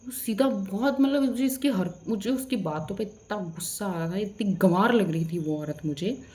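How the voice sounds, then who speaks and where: A woman's voice: medium pitch, normal speed, dark tone. A young woman telling a storytime vlog in a heated, indignant rant. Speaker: vlogger.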